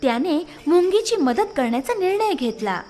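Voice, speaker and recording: A woman narrates a children's story in an expressive, scripted way at normal speed, her high voice swinging widely in pitch. A long reverb trails her words, with faint music underneath.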